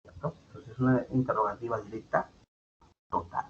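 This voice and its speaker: A man's voice: fairly high pitch, expressive, normal speed, fairly bright tone. A male teacher giving an online grammar lesson, explaining patiently and repeating his points with tag questions. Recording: dull lo-fi sound with faint background noise.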